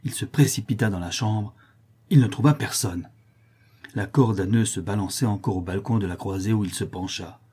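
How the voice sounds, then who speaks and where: A man's voice: on the low side, moderate pace, a little mellow, slightly rough. A man narrating a classic novel as an audiobook in a dramatic storytelling manner.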